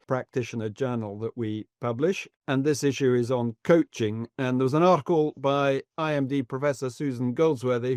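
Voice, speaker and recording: A man hosting a podcast interview, asking questions in a measured, thoughtful way. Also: medium pitch, darkish tone, no echo, studio quality. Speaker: podcast host.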